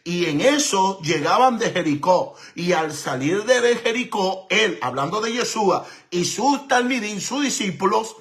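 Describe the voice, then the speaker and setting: A man's voice: high-pitched, expressive, a little slow, hardly any pauses, a bit bright. A man preaching a sermon, emphatic and repetitive, asking rhetorical questions and mixing in Hebrew terms.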